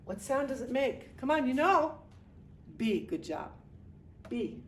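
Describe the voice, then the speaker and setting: Woman, patient teacher, fairly high voice, echoey room, faint background hum. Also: big pitch swings. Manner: patient, repeats sounds slowly, praises often. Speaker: Arabic teacher. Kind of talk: slow, encouraging classroom lesson. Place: classroom. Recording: echoey room, distant mic, faint ambience.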